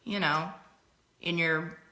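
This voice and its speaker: A woman's voice: fairly low pitch, fairly even intonation, slow pace, bright, forceful tone. A middle-aged woman hosting a live makeup sale, chatting casually and laughing often. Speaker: host selling makeup. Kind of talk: casual live-stream chat. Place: home room. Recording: echoey room.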